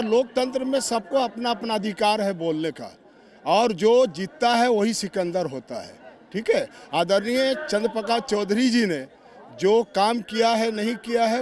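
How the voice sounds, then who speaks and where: A man's voice: high voice, darkish tone. A man from Giridih in Jharkhand, a party official answering a reporter's questions outdoors at a convention in an emphatic, rally-style way. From Giridih, Jharkhand, India. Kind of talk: political interview answers.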